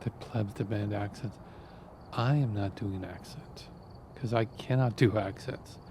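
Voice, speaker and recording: A man's voice: lowish voice, a little slow, noisy background. A man with a Canadian accent, a native French speaker, hosting a game live stream and talking at length to his viewers. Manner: rambling, explains at length to the viewers. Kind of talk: casual live-stream commentary.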